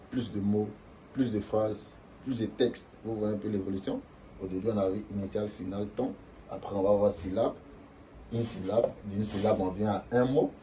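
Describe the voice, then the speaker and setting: A man's voice: on the low side, dark tone, a little hiss or hum. A man teaching a language lesson to viewers, explaining step by step and drawing out syllables to demonstrate tones.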